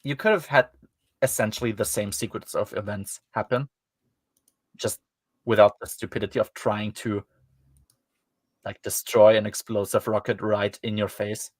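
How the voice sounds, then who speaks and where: A man's voice: on the low side, steady tone, moderate pace, long pauses, no echo. Podcast host, male, German accent, wry and rambling, dry close sound. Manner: rambling and wry, with many fillers. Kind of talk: casual book discussion.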